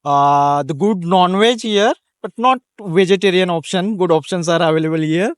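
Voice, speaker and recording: A man, a tourist, speaking in a halting way with broken phrasing. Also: sits high, clear, resonant tone, no room sound, studio quality.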